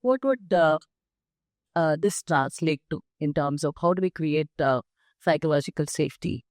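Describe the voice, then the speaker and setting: A woman's voice: sits low, moderate pace, a little mellow, dry recording, studio quality. A woman, hosting an interview, who builds her questions thoughtfully, step by step. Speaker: interviewer, company chairperson. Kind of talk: interview conversation.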